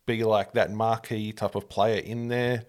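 A man's voice: lowish voice, flat delivery, a little slow, a little mellow. A man with an Australian accent co-hosting a casual rugby league show, speaking informally and colloquially. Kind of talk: casual sports chat.

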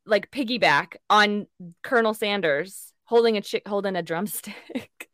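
A woman co-hosts a podcast in loose, chatty conversation that keeps wandering. Her voice sits in a middle pitch. The sound is close and dry, with no room around it. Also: measured pace, a bit bright, no echo. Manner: giggly, chatty, loose rambling. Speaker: podcast co-host. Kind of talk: casual chat.

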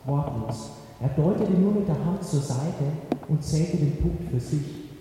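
A man's voice: fairly high pitch, measured pace. A man narrating a first-person story for an audiobook in a wry, conversational way. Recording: echoey hall with faint hiss.

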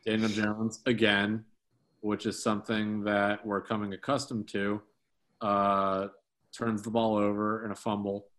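A man's voice: fairly low pitch, completely flat delivery, measured pace, a bit bright. A man co-hosting a sports podcast, talking casually about football with many fillers and restarts.

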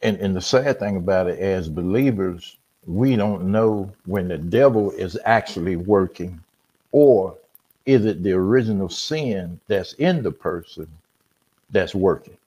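Slow, husky-voiced man discussing scripture. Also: deep voice, expressive, dark tone. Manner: teaching, conversational with fillers. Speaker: podcast host. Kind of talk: casual Bible discussion.

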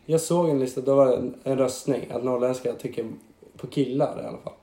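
Hoarse young man from northern Sweden. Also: mid-range voice, fairly even intonation, mellow. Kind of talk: casual chat. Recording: roomy echo.

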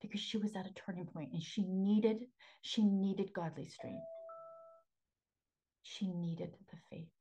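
A woman hosting a faith podcast as a spiritual coach, talking earnestly, repeating phrases for emphasis and often sinking into a soft half-whisper. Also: medium pitch, fairly even intonation, measured pace, pauses often, breathy edge, faint music behind, rough recording.

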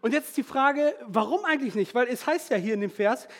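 A man preaching a lively, informal sermon, chatty and slangy, acting out the Bible stories and mixing in foreign phrases. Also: extremely high pitch, fairly quick.

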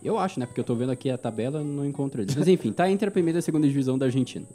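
A man talks quickly and eagerly in a casual football debate, chiming in with facts. His voice is mellow and warm, and faint music plays in the background. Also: medium pitch, lively intonation. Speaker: panelist.

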